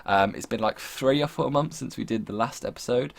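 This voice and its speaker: Fairly quick and mid-range with some vocal fry, this young male podcast host teases and swears his way through relaxed banter on a voice call.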